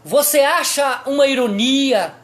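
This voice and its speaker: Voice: high voice, a little slow, fairly bright tone. A pastor with a Brazilian accent preaching a sermon, asking the congregation rhetorical questions and pressing each point with emphasis.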